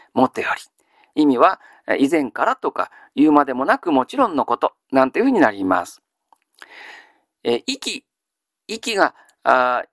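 A male teacher with a fairly high-pitched voice gives a classical Chinese grammar lesson in studio-quality audio with no room sound. He lectures steadily with many drawn-out fillers, often quizzing listeners and then answering the questions himself.

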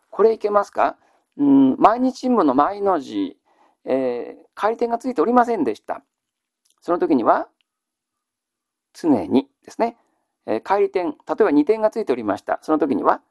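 A man leads a classical reading lesson and patiently quizzes his listeners, then repeats each answer. His voice is gravelly and his pitch moves a lot. The sound is close and dry. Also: a little mellow, dry recording. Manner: polite, measured lecturing with frequent fillers. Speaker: teacher.

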